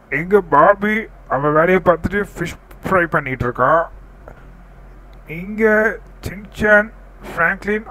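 Narrating a role-play game story, a man reassures the other characters and explains what he sees. His slightly high voice carries a playful lift and a sharp tone, captured in a low-quality recording.

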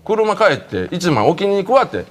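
A man's voice: high-pitched, brisk. A man with a Kansai accent telling a comic story on a talk show. He keeps laughing as he talks and acts out the scenes. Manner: animated, laughing through his own anecdote.

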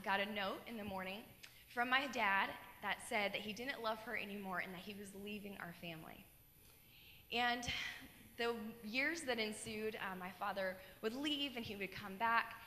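A woman's voice: mid-range voice, normal speed, slight background noise. A young woman from Colorado giving a keynote testimony on stage, telling her story earnestly into a handheld mic. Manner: earnest storytelling, animated gestures. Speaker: keynote speaker. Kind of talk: personal testimony talk. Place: large dark stage in an auditorium. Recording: long hall reverb.

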